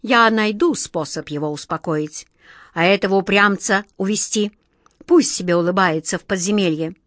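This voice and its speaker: A scheming fairy-tale king who hisses and barks orders at everyone around him. A woman reads him in a storybook recording. He comes across loud and domineering in a dry, close sound. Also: mid-range voice, normal speed, no echo, close to an everyday voice. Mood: spiteful. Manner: hissing, commanding, loud.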